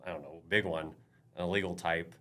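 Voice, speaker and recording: A man speaking as a podcast guest in casual chat, halting and trailing off with many fillers. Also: sits low, steady tone, fairly bright tone. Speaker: guest, veteran.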